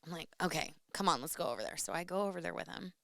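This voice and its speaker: Slightly raspy woman telling a story. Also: on the low side, very fast, dry recording, clean studio sound. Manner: animated storytelling. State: slightly hoarse after illness. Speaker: podcast co-host, hairstylist. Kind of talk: casual chat.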